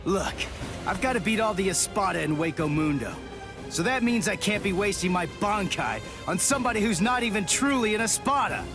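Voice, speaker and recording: A man's voice: high voice, expressive, a little fast, music in the background. An actor playing a determined teenage swordsman hero in an anime game dub, blunt and impatient. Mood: defiant.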